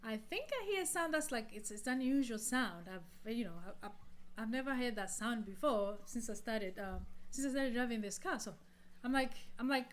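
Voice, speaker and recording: Chatty woman host, a little high. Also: moderate pace. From Tanzania. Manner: chatty, with many fillers and restarts. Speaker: podcast host. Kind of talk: casual storytelling to camera.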